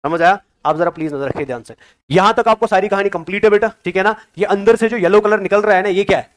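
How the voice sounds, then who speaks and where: High-pitched, coaxing male biology teacher. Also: fast talker. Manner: coaxing, calls students "beta", keeps asking questions; mixes Hindi with English terms. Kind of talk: exam-prep lecture.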